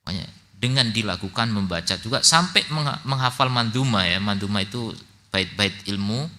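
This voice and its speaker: Man, religious teacher, lecture, conversational storytelling, very bright tone, lowish voice. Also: lively intonation, brisk. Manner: conversational storytelling, recites Arabic text then translates. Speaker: Islamic teacher (ustadz).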